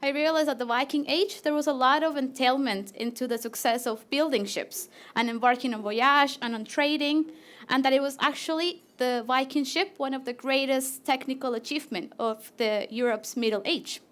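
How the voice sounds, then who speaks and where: A woman with a Latin American Spanish accent gives a live PechaKucha talk on her research to an audience on stage. Her voice is high and bright, and she speaks at a normal speed in a friendly, animated way, with the odd filler and restart.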